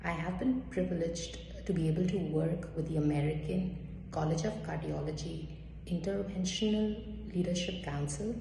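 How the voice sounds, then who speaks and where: A woman cardiology trainee introducing herself in a steady, formal way. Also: low voice, vocal fry, slight background noise. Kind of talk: self-introduction. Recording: echoey room.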